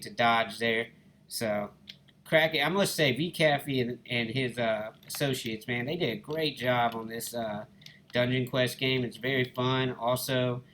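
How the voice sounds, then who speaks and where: A man hosting a gaming channel comments casually over his gameplay in an easygoing, folksy style, calling his viewers "guys" and "y'all." He's from Alabama, United States, with a Southern Alabama accent and a medium-pitched, fairly bright voice, and a little hiss or hum can be heard.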